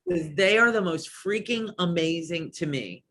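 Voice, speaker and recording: Enthusiastic, slightly high-voiced man chatting. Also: animated, moderate pace, pushed and bright. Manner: enthusiastic, rambling, lots of "like". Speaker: podcast guest, HR consultant. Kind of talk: casual podcast chat.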